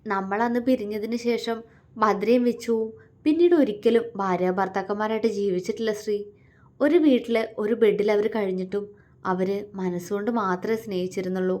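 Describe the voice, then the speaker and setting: A tender young husband in a storybook romance speaks softly and affectionately , as a woman reads his lines. His voice stays gentle and low-key, with a teasing warmth toward his wife. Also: fairly quick, lightly acted. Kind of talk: storytelling dialogue.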